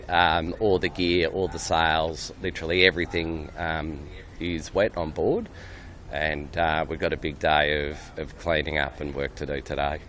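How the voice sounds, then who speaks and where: A man from a yacht crew, interviewed outdoors on his boat and speaking in a halting way with many fillers. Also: low-pitched, fairly bright tone. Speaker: yacht race crew member. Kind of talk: dockside interview. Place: on a yacht moored in a harbour, outdoors.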